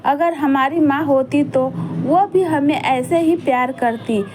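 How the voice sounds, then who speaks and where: Give me a plaintive little girl in a kids story, as a woman puts her on, high and slow. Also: a little mellow, a little hiss or hum. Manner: pleading, plaintive. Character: sad pleading little village girl.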